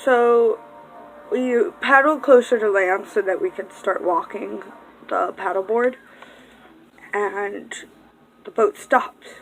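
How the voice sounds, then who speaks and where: A woman's voice: mid-range voice, takes it slowly, long pauses, soft background music, low-quality recording. A young woman vlogger telling a rambling, casual story, swearing freely and breaking off for distracted asides.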